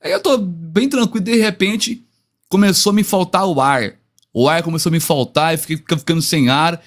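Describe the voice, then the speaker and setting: A man's voice: on the high side, a little fast. A man with a Brazilian Portuguese accent, a guest pastor telling a personal story with hesitant restarts.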